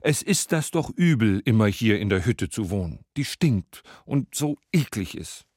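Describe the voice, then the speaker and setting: Guy putting on a high whiny fisher's wife, nagging and demanding, big swings in the voice, dry close sound, fairy tale reading. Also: very animated, moderate pace, darkish tone, dry recording. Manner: high scolding whine.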